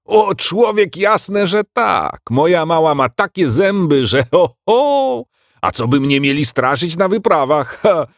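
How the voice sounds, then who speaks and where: A loud old beaver-like admiral creature, high-pitched and whistling through his teeth, boastful and exclaiming, audiobook fantasy, dry close sound. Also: very animated, takes it slowly, no room sound, heavily acted.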